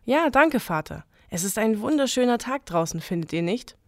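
A woman's voice: on the high side, lively intonation, moderate pace, a little mellow, no room sound, studio quality. A woman voicing a young medieval princess, devout and defiant, speaking earnestly, in an audio legend reading. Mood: wary. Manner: earnest, pleading.

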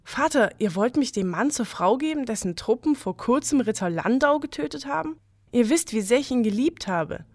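A woman's voice: a little high, expressive, normal speed, darkish tone, no room sound, voice pushed up. A woman voicing a young medieval princess, devout and defiant, speaking earnestly, in an audio legend reading. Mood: shocked. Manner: earnest, pleading.

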